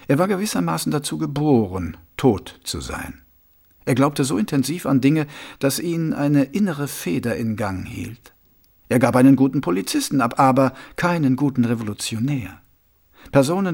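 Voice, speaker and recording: Gravelly, expressive male narrator. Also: mid-range voice. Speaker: audiobook narrator. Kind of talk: scripted narration.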